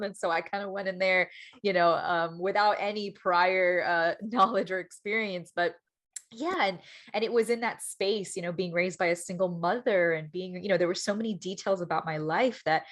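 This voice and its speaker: A young woman from Miami, an author talking reflectively over a video call, with many fillers and restarts. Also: on the low side. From Miami, Florida (Cuban American). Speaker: author and guest. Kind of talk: casual conversational interview.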